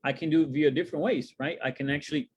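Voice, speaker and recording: A man from Brazil talking casually as co-host of a webinar, animated and full of fillers, asking rhetorical questions. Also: on the high side, quick pace, a little hiss or hum. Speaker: co-host, wealth coach.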